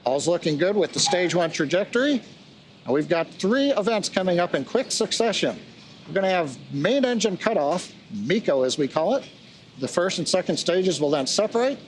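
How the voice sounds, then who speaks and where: A man's voice: sits high, sing-song, normal speed, poor audio. A man hosting a launch webcast with explanatory, matter-of-fact technical commentary. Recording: faint background noise.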